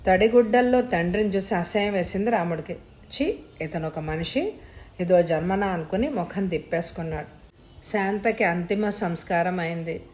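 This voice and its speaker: A woman narrating a story in a steady, measured way. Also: fairly low pitch. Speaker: audiobook narrator.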